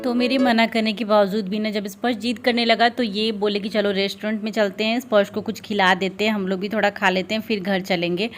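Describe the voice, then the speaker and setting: Young Indian woman, casual vlog narration, soft-spoken and tired, filler-heavy. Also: mid-range voice, flat delivery, a little fast, hardly any pauses, faint music behind. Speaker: vlogger.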